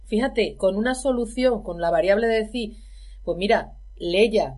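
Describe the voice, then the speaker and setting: A woman's voice: medium pitch, measured pace, a little mellow. A woman in a casual film discussion, talking in an exasperated, emphatic way. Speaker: film commentator.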